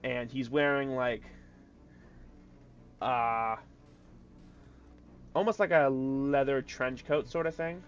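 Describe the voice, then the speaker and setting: A man narrating a tabletop game as game master, casual and halting with fillers. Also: mid-range voice, fairly even intonation, clear, resonant tone, lo-fi sound.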